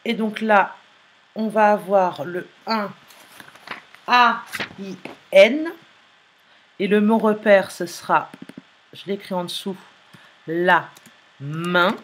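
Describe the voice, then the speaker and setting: A woman teacher, slowly dictating a sentence and spelling out letters in a phonics lesson. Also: medium pitch. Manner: slow, careful dictation, repeating and spelling letters aloud.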